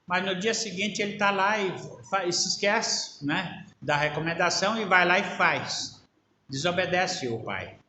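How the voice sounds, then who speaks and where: High, lively preacher in an echoey hall. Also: male voice, measured pace. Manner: storytelling with acted-out dialogue, swinging between loud and hushed. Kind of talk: sermon. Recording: echoey hall with faint background noise.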